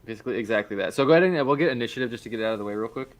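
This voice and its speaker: A man's voice: mid-range voice, racing. A man acting as game master, explaining and narrating a tabletop game in a casual, hesitant way.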